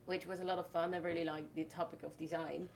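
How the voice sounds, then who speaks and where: A young woman from the Netherlands talks in a low voice and explains things one step at a time. She sounds relaxed, like she is in a casual interview chat. A faint rumble sits under the recording. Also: quick pace, vocal fry. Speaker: festival host.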